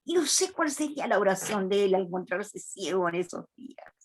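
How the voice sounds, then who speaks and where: A woman's voice: medium pitch, sing-song, a little fast, slightly rough. A woman preacher giving a sermon in a church, retelling a Bible story in a reflective, earnest way.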